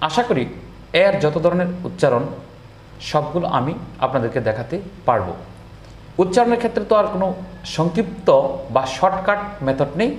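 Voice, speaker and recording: A man teaching English pronunciation in a spoken lesson, drilling word lists slowly one by one. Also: a little high. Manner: slow, drawn-out word-by-word drilling. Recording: echoey room with faint background noise.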